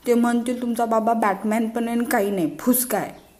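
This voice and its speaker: A woman playing a boastful, shrill little boy. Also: a little fast, lightly acted. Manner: shrill, excited, sulky.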